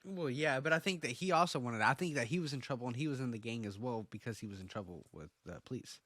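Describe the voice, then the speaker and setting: A man's voice: mid-range voice, fast talker, fairly bright tone, no echo, studio quality. Opinionated man in rambling casual chat. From Oklahoma. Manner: rambling, restarts often, opinionated. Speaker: podcast co-host. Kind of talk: casual TV episode review chat.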